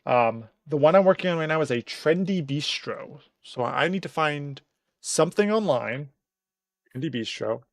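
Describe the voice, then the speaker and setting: A man's voice: fairly high pitch, expressive, normal speed, no echo. A man streaming casually, thinking aloud as he works through his notes. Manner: thinks aloud while working.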